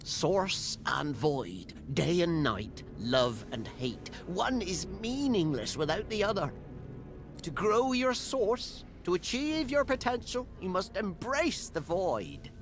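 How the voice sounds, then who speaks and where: Theatrical, craven old undead dwarf sorcerer. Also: male voice, high-pitched, big pitch swings, takes it slowly, over music, exaggerated voice. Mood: ominous. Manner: theatrical, swinging from frantic pleading to ominous intoning. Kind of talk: fantasy video game acting.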